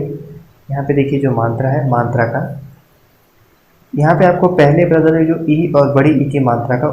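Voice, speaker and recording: A man's voice: mid-range voice, dark tone. A man teaching a Hindi spelling lesson for exam preparation, explaining in a casual classroom way and often checking in with his listeners. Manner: repeats words slowly and checks in with frequent "ठीक है". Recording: echoey room with faint noise.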